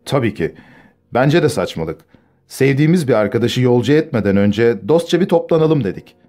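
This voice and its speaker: A man's voice: mid-range voice, animated, moderate pace, a little mellow, lightly acted. Guy doing a serious harsh young man telling someone off, audiobook. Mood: stern. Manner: harsh, scolding.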